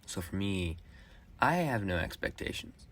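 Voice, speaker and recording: A young man in his late teens speaks a rambling personal monologue into a phone voice memo. His talk is halting, with restarts and fillers. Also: deep voice, sing-song, a bit bright. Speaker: vlogger.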